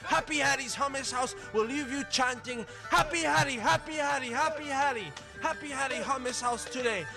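A man doing a gravelly high hummus-shop huckster. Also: moderate pace, over music. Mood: salesy. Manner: sing-song hard-sell ad pitch. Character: over-eager hummus shop owner doing a radio jingle. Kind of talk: mock radio ad.

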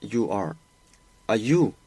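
Slow hesitant guy with a cold repeating english lines, dry sound. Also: on the low side, sing-song, mellow, husky, no echo. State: has a cold. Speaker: student. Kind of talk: audio lesson drills.

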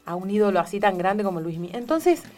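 A woman's voice: medium pitch, sing-song, fairly quick, a little mellow, soft background music. A woman from Corrientes with an Argentine accent, telling a story in casual chat and acting out the quoted voices. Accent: Argentine Spanish.

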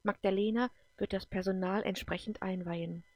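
A woman's voice: medium pitch, steady tone, moderate pace, a little mellow, dry recording, close to an everyday voice. A woman voicing an emotional, defensive female leader in an audiobook, talking heatedly and then apologetically. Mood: focused.

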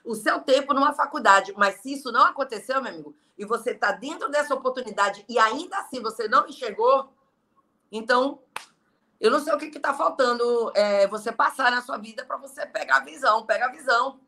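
A woman's voice: fairly high pitch, fairly quick, sharp tone. A middle-aged woman with a Brazilian Portuguese accent, a guest giving blunt, emphatic motivational talk in an interview. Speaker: guest, entrepreneur and online leader.

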